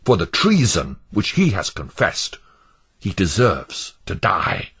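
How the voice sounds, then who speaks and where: A man's voice: deep voice, wildly swooping pitch, takes it slowly, fairly bright tone, breathy edge, full character voice. A man voicing a zealous, relentless male court accuser in a storybook reading, speaking in an emphatic, declamatory way. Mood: indignant.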